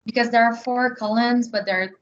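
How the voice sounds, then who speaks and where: A woman's voice: fairly high pitch, fairly even intonation, fairly quick. A woman in an online study group, carefully asking a detailed question. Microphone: video call. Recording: muffled call audio with faint noise.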